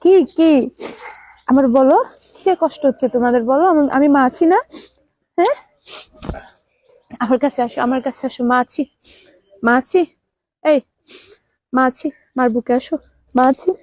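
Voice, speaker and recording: A woman in a vlog, gently coaxing and comforting crying children in a motherly way, then speaking to viewers. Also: high-pitched, moderate pace, pauses often, no echo, rough recording. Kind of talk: emotional vlog address.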